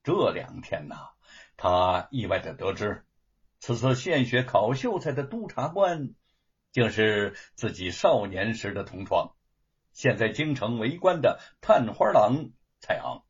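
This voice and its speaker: A male storyteller with a husky, fairly high voice narrates slowly, his pitch swooping dramatically. The lo-fi recording sounds dull. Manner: lively, dramatic delivery.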